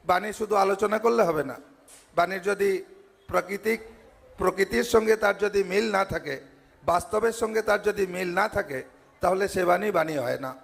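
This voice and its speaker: A man with a high, gravelly voice preaches to devotees, earnest and patient, building each point through repeated parallel phrases. His words ring out with the long reverb of a large ashram hall. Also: moderate pace. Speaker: monk giving a speech at a devotee gathering. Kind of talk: devotional sermon.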